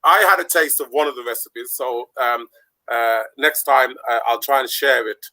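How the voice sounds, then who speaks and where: Caribbean guy hosting an online show over video call, bright voice, rambly, laughs a lot. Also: medium pitch, rough recording. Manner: chatty, rambling, quick to laugh. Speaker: podcast host. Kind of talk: casual online show chat.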